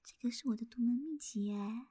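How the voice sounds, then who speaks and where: A young woman in an intimate whispered roleplay, soft, teasing and coaxing, with a breathy voice. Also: fairly high pitch, fairly quick, no room sound, studio quality.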